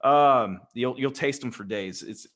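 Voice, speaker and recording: A man talks at an easy, middle pitch. He rambles through jokey stories as a guest in a casual interview, speaking into a desk microphone over a video call. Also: a little slow, a bit bright. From West Texas. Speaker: guest, Freemason.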